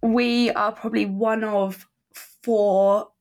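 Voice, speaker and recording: A woman's voice: medium pitch, little pitch movement, slow, darkish tone. Late-teens woman, eager, chatty, middle register, guest. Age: young adult. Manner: enthusiastic, with fillers like "I mean". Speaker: semi-pro Muay Thai fighter. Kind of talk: conversational interview answers.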